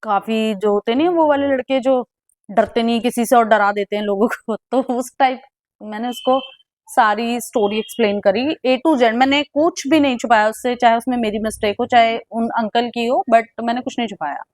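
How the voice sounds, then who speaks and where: Animated young woman telling a story. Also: fairly high pitch, normal speed, no echo, clean studio sound. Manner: animated, exclaiming, mixing English words. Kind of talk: casual storytime.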